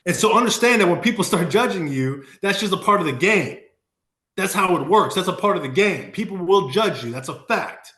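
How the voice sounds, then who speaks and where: A man's voice: high-pitched, lively intonation, a little fast, sharp tone. Emphatic motivational man, echoey room. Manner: emphatic, repeats key phrases for punch. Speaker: sales coach and Marine. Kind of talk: motivational talk. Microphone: video call.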